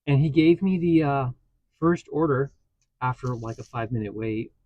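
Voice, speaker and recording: A man casually telling stories in a vlog from inside his parked vehicle, getting animated as he retells what happened. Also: mid-range voice, moderate pace, no room sound, muffled recording. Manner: chatty, animated when retelling a story. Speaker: vlogger.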